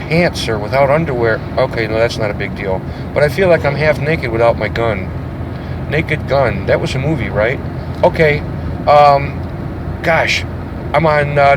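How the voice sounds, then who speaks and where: A middle-aged man chats while driving at night, rambling and joking with himself. He talks at an ordinary middle pitch. Engine and road noise sit clearly behind his voice inside the car. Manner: rambling, jokey, self-interrupting. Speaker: vlogger. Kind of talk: casual road-trip monologue.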